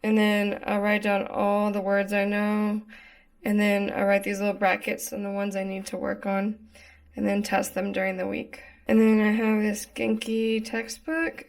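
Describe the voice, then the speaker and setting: This young woman from Texas, United States, is chatting casually in a vlog, sounding hesitant and using lots of ums and likes. Her voice sits at a medium pitch and is creaky and a little mellow.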